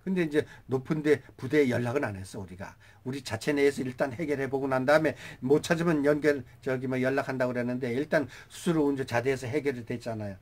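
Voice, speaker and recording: A man in his sixties telling a personal story in casual, rough speech, swearing freely and breaking into shouts when he quotes himself. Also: medium pitch, fast, few pauses. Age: 60s. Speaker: channel host.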